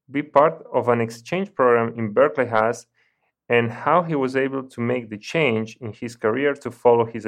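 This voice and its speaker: A man's voice: medium pitch, gravelly. A male podcast host who reads a scripted introduction and then asks his guest short questions. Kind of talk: interview hosting.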